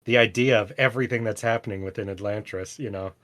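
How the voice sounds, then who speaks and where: A man's voice: on the low side, fast talker, a bit bright, no room sound. A man co-hosting a casual book-club podcast who rambles, laughs often and searches for his words on a close mic. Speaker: podcast co-host.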